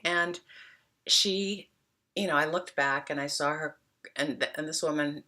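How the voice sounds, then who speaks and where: A woman's voice: deep voice, measured pace, sharp tone. A middle-aged woman talking casually to camera about her food, rambling and chatty with lots of fillers. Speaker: wellness coach vlogger.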